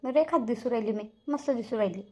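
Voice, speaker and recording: A woman's voice: fairly high pitch, quick pace, close to an everyday voice. Shantabai, a woman voicing a touchy old village woman. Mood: indignant. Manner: indignant, scolding. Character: touchy elderly village woman Shantabai, proud of her dress. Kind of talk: cartoon voice acting.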